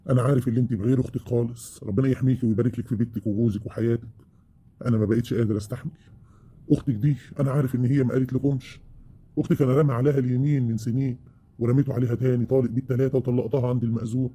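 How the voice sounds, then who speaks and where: A man's voice: medium pitch, steady tone, racing, breathy edge, close to an everyday voice. A man with an Egyptian accent playing a bitter, worn-out older husband in a family web drama. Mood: weary. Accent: Egyptian Arabic. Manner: reproachful, rising to shouting.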